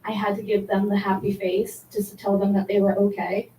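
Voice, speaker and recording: A woman teacher speaks at a public meeting with halting, impassioned words and frequent restarts. Her voice sits at an ordinary pitch. It carries through a roomy, reverberant hall from some distance off the mic, with a faint hiss underneath. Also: flat delivery, mellow. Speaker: elementary school teacher giving public comment. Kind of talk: public comment at a board meeting.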